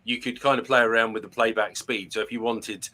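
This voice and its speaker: A man with a broad Essex accent chats through a webinar in a bright, forward voice. He talks loosely, restarts his sentences often and jokes at his own expense. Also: medium pitch, steady tone, brisk. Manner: chatty, self-deprecating, many restarts. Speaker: language teacher. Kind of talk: casual webinar discussion.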